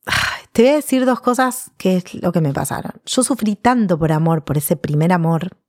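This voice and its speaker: A woman in her thirties with a Rioplatense Spanish accent, telling personal stories in a casual, animated way during an interview. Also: lowish voice, moderate pace, dry recording, studio quality. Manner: chatty, animated storytelling with laughs.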